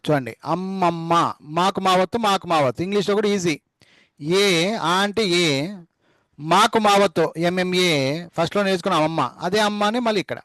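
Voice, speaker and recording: A man's voice: sits high, a little fast, fairly bright tone, no echo. A man teaching a spelling lesson, repeating each word several times and spelling it out letter by letter. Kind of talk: classroom dictation lesson.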